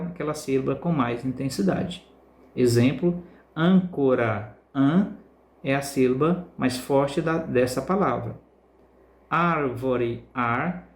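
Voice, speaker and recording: A male Brazilian Portuguese teacher giving a recorded class lesson, repeating words slowly to stress their syllables. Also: medium pitch, a little mellow, roomy sound. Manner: slow, drawn-out word repetition for emphasis.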